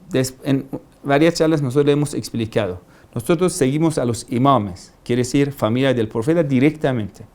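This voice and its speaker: A man preaching, his voice sitting a little high for a man. He lectures emphatically, circling back to key phrases and firing rhetorical questions at his listeners. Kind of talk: religious lecture.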